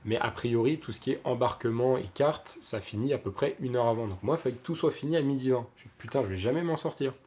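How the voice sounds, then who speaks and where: A man's voice: medium pitch, fast talker, hardly any pauses, darkish tone. Young man, casual vlog storytelling, chatty, lots of fillers and restarts. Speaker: vlogger.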